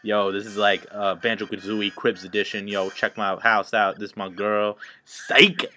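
A man's voice: fairly low pitch, little pitch movement, normal speed, pushed and bright, faint music behind. A young man hosting a casual let's play, full of slang, fillers and laughs. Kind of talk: casual gaming commentary.

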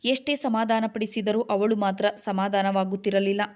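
Young woman, story narrator, steady sad reading in a flat, even tone. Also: mid-range voice, moderate pace. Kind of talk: first-person scripted story narration.

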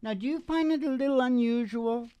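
A middle-aged man, host and singer-guitarist of a music podcast, rambles in casual, emphatic chat, repeating phrases and checking in with "you know." His very high voice moves fairly quickly, warm, clear and resonant, caught close on a stand mic on a small curtained indoor stage with acoustic guitar behind him. The recording has no room sound but is muffled.

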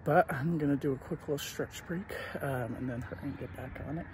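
A man's voice: mid-range voice, fairly quick. A man in his twenties talking casually to a phone at arm's length, out in strong wind in the middle of a run. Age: 20s. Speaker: running vlogger. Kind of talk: casual selfie vlog. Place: outdoors on a windy suburban street. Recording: wind noise, rough phone audio.

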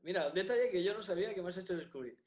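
A woman's voice: lowish voice, lively intonation, very fast, darkish tone. A woman hosting a casual interview, often answering with short acknowledgements and laughs. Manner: brief acknowledgements, frequent laughs. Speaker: interviewer, host.

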